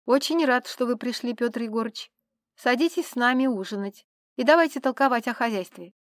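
A woman voicing a tipsy, chattering male count who rambles excitedly and pleads with his friends. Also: on the high side, brisk, dry recording, studio quality, close to an everyday voice. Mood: genial.

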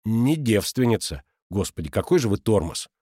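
A man's voice: lowish voice, very animated, moderate pace, warm tone, slightly rough, no room sound, studio quality. A man voicing a bold, teasing teenage girl who talks in a cheeky, colloquial way.

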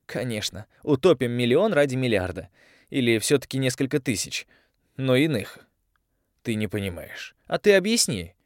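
A man's voice: mid-range voice, sing-song, normal speed, dry recording, studio quality, pitched above the performer's own voice, close to an everyday voice. A male audiobook reader voicing a stubborn, defiant young woman who talks in a pressing, sarcastic way.

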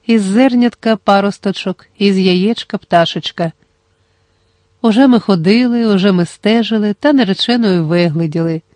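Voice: mid-range voice, normal speed, a little mellow, no room sound, lightly acted. A reader voicing a wicked old male sorcerer who chants rhymed demands in a thin, rattling, sweet voice, in an audiobook. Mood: sweetly menacing. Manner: chanting rhymed sing-song lines. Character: old evil male sorcerer, sing-song and wheedling. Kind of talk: audiobook character voice.

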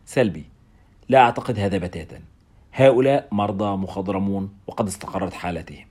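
A man's voice: deep voice, a little fast, a little mellow, slightly rough. A man reading as a stern colony director, firm and curt.

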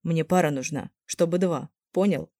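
A woman's voice: low voice, moderate pace, warm tone, no room sound, studio quality. A woman reading the part of a blunt, bossy young man, curt and demanding. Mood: blunt, grumpy.

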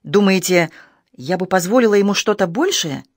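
A man voicing a proud, venomous young female courtesan who lashes out in shrill, scornful outbursts. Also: animated, normal speed, no echo, studio quality. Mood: contemptuous.

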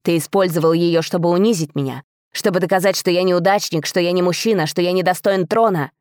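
A woman voicing a furious, betrayed young dragon prince who shouts raw, bitter accusations at his father. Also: fairly low pitch, steady tone, normal speed, dry recording, studio quality, lightly acted.

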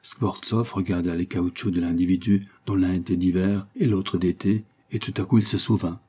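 Deep husky man reading a story. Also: steady tone, dark tone. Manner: slow, measured. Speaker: narrator. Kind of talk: reading a short story aloud.

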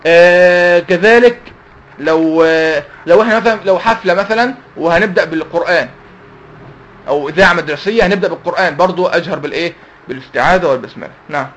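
A man's voice: sits high, fast, fairly bright tone, lo-fi sound. A man with an Egyptian accent teaching a Quran lesson to young people, asking questions and answering them himself. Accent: Egyptian Arabic. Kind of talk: religious lesson to youth.

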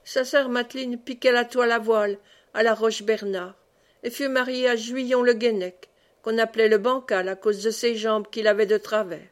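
A woman's voice: on the high side, fairly even intonation, moderate pace, close to an everyday voice. A woman reading the lines of a jovial, talkative male monk who rambles from one tale to another in an audiobook. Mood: rambling. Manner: rambling, digressive, pleading.

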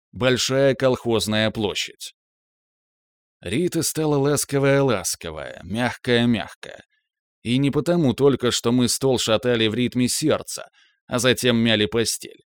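A man with a medium-pitched voice narrates an audiobook from a script in a measured, even reading. The recording is dry, with clean studio sound.

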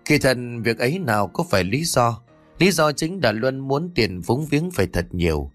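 A man narrating a dramatic folk story in an expressive storytelling manner. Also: medium pitch, moderate pace. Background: faint background music.

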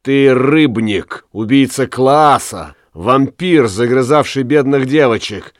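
A man's voice: mid-range voice, slow, no room sound, studio quality, close to an everyday voice. A man voicing a bold young folk hero, heated and accusing, in a storybook reading.

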